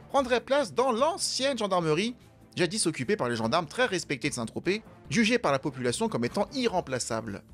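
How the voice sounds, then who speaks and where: A man's voice: on the high side, fairly bright tone. A man hosting an enthusiastic, chatty, opinionated film commentary. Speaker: film video host.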